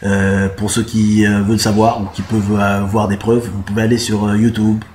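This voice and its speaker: Man explaining, halting fillers. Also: fairly low pitch, level tone, darkish tone, a little hiss or hum. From Republic of the Congo. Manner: halting, many "euh" fillers and restarts. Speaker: musician and citizen activist. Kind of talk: casual direct-to-camera explanation.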